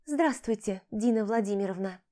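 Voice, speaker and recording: A woman narrator voicing a young pregnant mistress who pleads in a high, tearful voice. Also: normal speed, dark tone, lightly acted. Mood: timid. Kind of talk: audiobook character voice.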